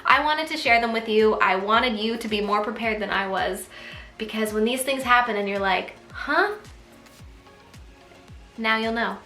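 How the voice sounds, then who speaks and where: A woman's voice: fairly high pitch, moderate pace, sharp tone, roomy sound, faint music behind. A young woman chatting casually to camera as a vlogger, bubbly and laughing often, with a stuffy nose. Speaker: pregnancy vlogger.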